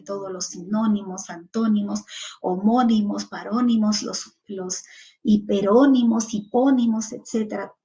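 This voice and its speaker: A woman's voice: mid-range voice, dark tone, poor audio. A woman with a Peruvian Spanish accent giving a lecture to teachers, explaining things step by step and listing examples one after another, with fillers between them.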